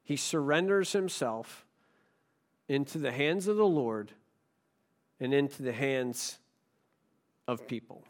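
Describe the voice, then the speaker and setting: A man preaching a sermon to a congregation in a conversational way, asking the room questions and swinging between loud stresses and quiet asides. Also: mid-range voice, expressive, takes it slowly, pauses often. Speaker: pastor.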